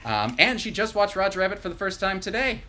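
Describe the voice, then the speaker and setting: A man's voice: high voice, sing-song, quick pace, bright, forceful tone, slight background noise. A man hosting a casual video-call chat, introducing guests with loose, joking asides. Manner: introduces guests, jokey and rambling. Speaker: host.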